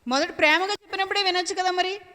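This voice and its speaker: A woman preaches with a high, bright, ringing voice. She is emphatic, repeats key phrases and answers her own questions. Her voice carries a long hall reverb. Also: steady tone, very fast. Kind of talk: sermon.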